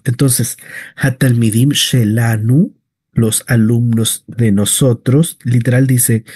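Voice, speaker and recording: A man teaching Hebrew grammar, slowly repeating each word form several times. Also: medium pitch, mellow, husky, dry recording. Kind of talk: grammar lesson.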